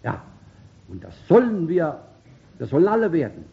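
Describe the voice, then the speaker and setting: A man preaches with fervor. His pitch leaps and falls widely, and he swings from loud calls to near-murmurs. The recording sounds dull and lo-fi. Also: huge pitch swings, moderate pace, gravelly. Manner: emphatic, with sudden swings between loud calls and quiet asides. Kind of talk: sermon.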